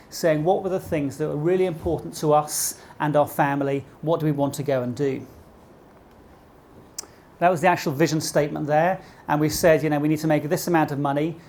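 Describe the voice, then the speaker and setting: This middle-aged keynote speaker has a posh British accent and a slightly high, slightly mellow voice, with a faint hiss or hum on the recording. He delivers a motivational business talk live before an audience, drawing listeners in with rhetorical questions.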